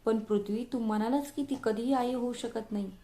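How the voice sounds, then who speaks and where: A woman's voice: fairly high pitch, steady tone, brisk, dark tone, close to an everyday voice. A woman voicing a nervous young second wife who asks hesitantly, in a storybook reading. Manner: frightened, hesitant. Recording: roomy echo.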